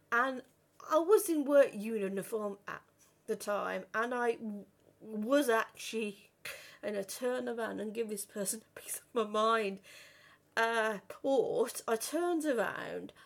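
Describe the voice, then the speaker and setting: A woman's voice: a little high, creaky. A woman in her thirties who stammers, talking to camera about her own life with repeated and broken-off words. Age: 30s. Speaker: vlogger. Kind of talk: personal talk to camera.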